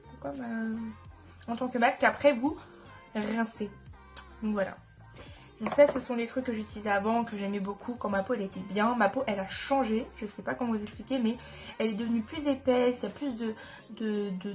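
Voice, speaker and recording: A beauty vlogger with a higher voice chats casually to viewers about skincare products, sounding nasal and blocked-up from a stuffy nose. She's informal and enthusiastic, often correcting herself mid-sentence.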